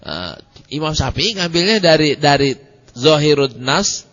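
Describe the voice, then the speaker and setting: A man's voice: on the high side, animated, a little slow, a bit bright. A man giving a colloquial religious study lecture, rambling with many hesitations. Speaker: religious teacher. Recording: muffled recording in a reverberant hall.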